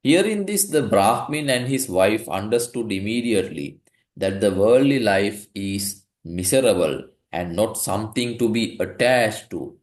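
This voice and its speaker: A man's voice: lowish voice, expressive. A man from Sri Lanka tutoring a student one-on-one, reading a story aloud and often checking with "right?". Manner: slow, explanatory, checks understanding with "right?". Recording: echoey room.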